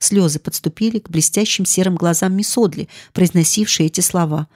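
A woman narrating a classic novel in an audiobook, in a calm, even storytelling way. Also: fairly low pitch, a little fast, no echo, studio quality.

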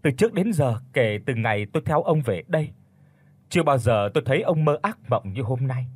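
A man voicing a sharp-tongued middle-aged wife who scolds her husband with rapid demands. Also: mid-range voice, lively intonation, slightly rough, dry recording. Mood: scolding.

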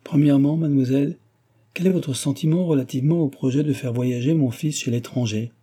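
A man's voice: mid-range voice, fairly quick, mellow, husky, voice pushed up, close to an everyday voice. A man voicing a chattering, pushy middle-aged mother in an audiobook, talking in a gushing, overfamiliar, insistent way.

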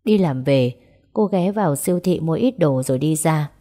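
A woman narrating a romance story aloud and voicing its characters in a gentle, even way. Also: low voice, normal speed. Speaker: audiobook narrator. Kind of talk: storytelling narration with dialogue voices.

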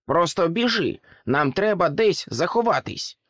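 A man's voice: high voice, lively intonation, a little slow, no echo, studio quality, voice pushed up, heavily acted. A man putting on a bossy toy pig. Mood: urgent. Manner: urgent, commanding shouts. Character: brave bossy toy pig, small, urgent.

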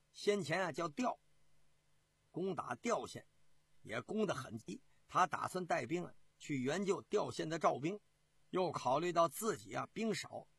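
A man telling a traditional historical story in a lively, rhythmic manner, with drawn-out fillers. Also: fairly high pitch, no room sound. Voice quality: husky.

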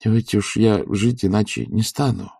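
A man voicing an idle, soft-hearted nobleman who gets emotional, with eager exclamations. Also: on the low side, moderate pace, gravelly, husky, no room sound, studio quality. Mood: wistful.

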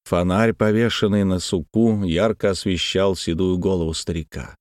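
A man narrating a classic novel in a measured, expressive reading. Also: deep voice, no echo, clean studio sound. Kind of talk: scripted literary narration.

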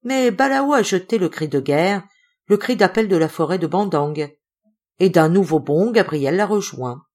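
A woman reads a classic novel aloud as an audiobook narrator. Her voice sits a little low, and she tells the story with expressive, lively phrasing. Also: normal speed. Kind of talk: audiobook reading.

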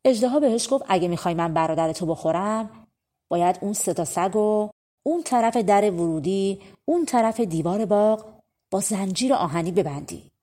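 A woman reading an audiobook of folk tales, narrating in a relaxed, conversational storytelling way. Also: medium pitch. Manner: conversational, spoken-style telling. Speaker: audiobook reader.

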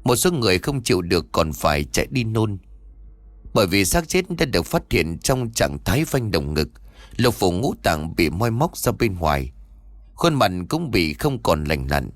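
A man with a deep voice narrates a scripted horror story at normal speed in a dry recording. He's lively and performs the characters' dialogue himself.

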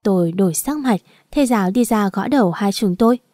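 A woman narrating a first-person story for an audiobook at an even, steady pace. Her tone is mellow and soft-edged, and the close recording is dry with no room sound. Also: mid-range voice, a little fast, dry recording.

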